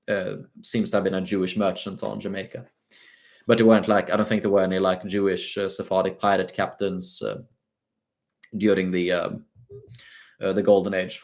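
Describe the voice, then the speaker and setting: Hesitant Swedish man answering viewer questions. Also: low voice. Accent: Swedish-tinged British English. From Sweden. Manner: hesitant, many fillers and restarts. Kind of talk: casual livestream Q&A.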